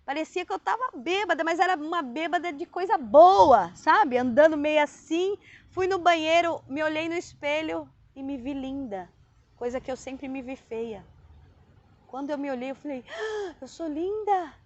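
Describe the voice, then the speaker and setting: A woman from Brazil telling her conversion testimony in casual storytelling, emotional and animated, with sudden high exclamations. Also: normal speed, no echo, muffled recording. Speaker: vlogger.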